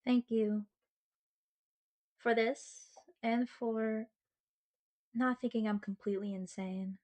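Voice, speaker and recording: A woman plays a sweet, earnest girlfriend in young love, talking straight to her partner in an ASMR audio roleplay with a somewhat high, slightly mellow voice and fairly even intonation. She sounds touched and grateful, chatting with bashful hesitations and bits of theatrical mock seriousness aimed at herself.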